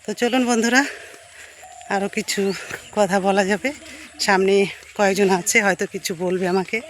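A woman health worker speaks to her viewers while walking along a village road, slightly out of breath. She gently coaxes the elders she meets and gives them advice. A faint background noise sits under her voice. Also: mid-range voice, steady tone, normal speed. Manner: gentle, coaxing, advising elders. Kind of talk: casual vlog talk to viewers.

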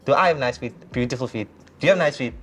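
A man's voice: mid-range voice, rapid-fire, fairly bright tone. A man, flirting playfully on a dating show with a teasing, goofy manner. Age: 20s. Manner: teasing, goofy, laughs often. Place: indoor studio set with a green plant wall.

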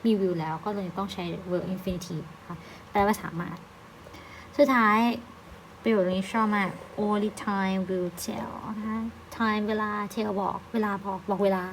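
A woman with a Thai accent teaching English, reading English words slowly and explaining them patiently with polite particles. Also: mid-range voice, a little hiss or hum, rough recording. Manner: slow, careful English reading. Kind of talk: recorded online lesson.

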